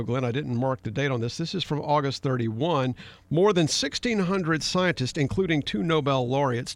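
A man's voice: on the high side, no room sound. A middle-aged man talks on a political radio show in a slightly raised voice, recorded dry and close with no room sound. He speaks with emphasis, reads headlines aloud and turns often to his co-host by name. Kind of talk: conversational political talk radio.

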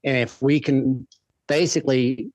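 A man of medium pitch talks as a podcast guest. His delivery is impassioned, blunt and emphatic, and the sound is very dry, with no room echo. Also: steady tone, a little slow, a little mellow. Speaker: podcast guest, food activist. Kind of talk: impassioned interview talk.

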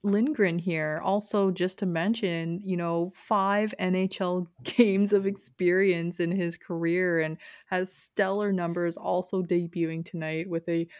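A woman's voice: on the low side, fairly even intonation, a little slow, few pauses, a little mellow, no room sound, clean studio sound. A woman co-hosting a hockey talk show in casual, conversational sports chat.

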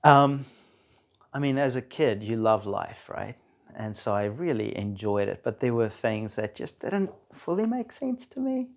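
Here a podcast guest in his forties, speaking with a South African accent, keeps things unhurried at a medium pitch. His casual conversation wanders loosely and is full of filler words.

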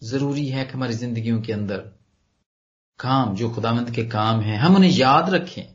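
A man preaching a sermon with earnest conviction, his voice rising and falling between loud and hushed as he calls his listeners dear ones. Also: medium pitch, muffled recording. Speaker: pastor.

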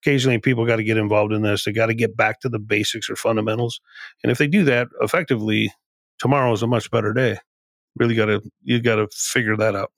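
A man's voice: lowish voice, fairly even intonation, fast, no room sound. A man, a company CEO, guesting on a podcast and explaining leadership in an emphatic way, often repeating and restarting phrases. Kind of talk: conversational podcast interview.

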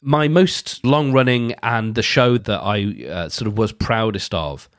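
A podcast host and producer speaks at a measured pace in a lowish voice, congested and nasal from a cold. His solo talk is relaxed and chatty, wandering slightly as he corrects himself. Studio-quality sound, no echo.

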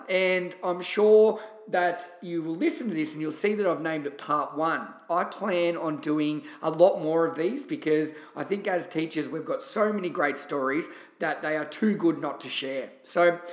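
An Australian man talks casually as a solo podcast host, chatty and enthusiastic. His voice is slightly high, and the recording has a clear roomy echo. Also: moderate pace. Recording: roomy, echoey sound.

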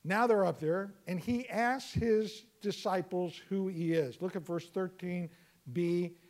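A man teaching verse by verse through a Bible passage. He explains step by step, repeats key phrases, and sometimes bursts into loud exclamations. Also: high-pitched, unhurried.

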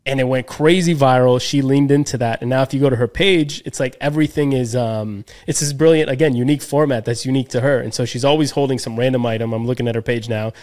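Man, casual podcast chat, medium pitch, slangy, restarting sentences. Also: steady tone, fast talker, few pauses, darkish tone. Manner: loose, slangy, lots of restarts and fillers. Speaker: podcast co-host.

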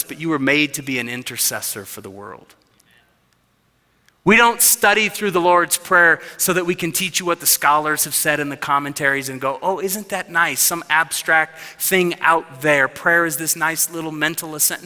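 Guy in his 30s preaching, fired up then hushed, kinda high-ish voice, long hall echo. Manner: passionate preaching, swings from hushed to loud. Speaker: pastor. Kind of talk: sermon. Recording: reverberant hall.

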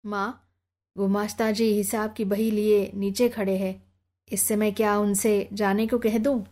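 A woman's voice: medium pitch, level tone, unhurried, warm tone, natural voice. A woman reading the lines of a deferential male household servant in an audiobook. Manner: respectful, deferential.

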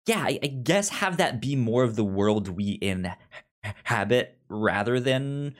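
A medium-pitched man talks slowly and animatedly as a podcast co-host in a casual chat about books. He stammers, repeating sounds and words as he goes.

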